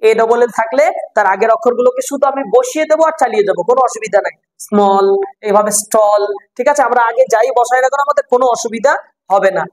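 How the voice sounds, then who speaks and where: A woman teaching English reading, explaining slowly, repeating words and spelling them out letter by letter, with some English phrases mixed in. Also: on the high side, darkish tone, rough recording. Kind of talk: explanatory online lesson.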